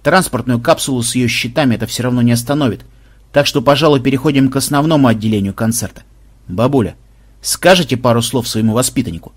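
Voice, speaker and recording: A man voicing a gruff, phlegmatic grandfather who talks bluntly. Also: medium pitch, quick pace, lightly acted. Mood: businesslike.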